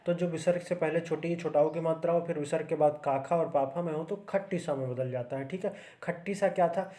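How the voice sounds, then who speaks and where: A man gives an exam-prep grammar lesson, explaining step by step and checking in often with the viewer. His voice is fairly high, with a dark, steady tone, and his pace is brisk.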